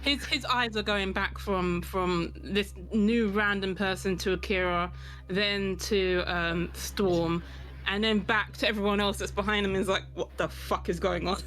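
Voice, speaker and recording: A woman's voice: medium pitch, fairly even intonation, measured pace, a bit bright. A woman playing a tabletop game, casually narrating what her character does.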